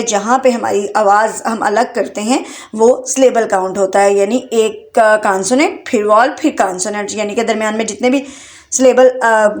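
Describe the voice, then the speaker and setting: A woman teacher with a Pakistani accent explaining English syllables. She repeats each word slowly, syllable by syllable, then explains fast. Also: fairly high pitch. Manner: reads English text slowly, explains quickly. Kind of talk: classroom grammar lesson.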